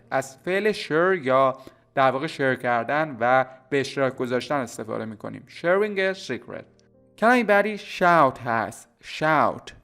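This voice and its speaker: A man teaching English vocabulary. He reads the English examples slowly and carefully, then explains them quickly. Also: mid-range voice, a bit bright. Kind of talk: vocabulary lesson with translation.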